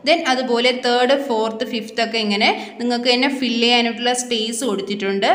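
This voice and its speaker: A woman, teaching young pupils in a recorded online English class and drilling each word slowly, twice over. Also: a little high, a bit bright. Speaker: primary school English teacher. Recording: echoey room.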